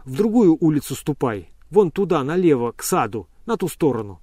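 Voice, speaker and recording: Man playing a flustered, insistent gentleman. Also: a little high, very animated, a little fast, breathy edge, no echo, studio quality. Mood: agitated. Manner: insistent, pushy.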